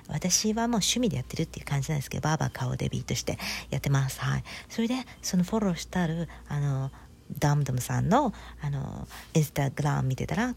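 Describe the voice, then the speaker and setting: A woman hosting her own casual radio-style chat in a Kanto-style Japanese accent, speaking softly with a half-whispered delivery and frequent hesitations. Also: deep voice, vocal fry, slightly rough. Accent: Kanto-style Japanese, switching from Kansai. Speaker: host of her own talk channel.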